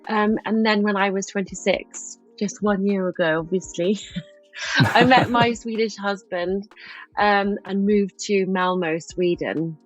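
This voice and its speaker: A woman's voice: mid-range voice, unhurried, dull audio, soft background music. A middle-aged woman from England, a guest author telling stories in a casual podcast interview, chatty with frequent ums.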